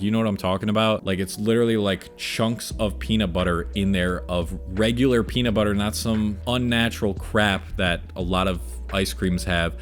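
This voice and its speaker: A young man with a fairly low voice talks casually to his online audience over background music. He is enthusiastic and laid-back, with plenty of slang, as he takes viewer questions. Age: young adult. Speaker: video creator answering viewer questions.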